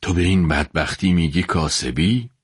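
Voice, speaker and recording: A man voicing a worried, doubtful older shopkeeper father with a husky, low voice. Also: dry recording, studio quality. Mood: gloomy, doubtful. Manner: gloomy, doubtful.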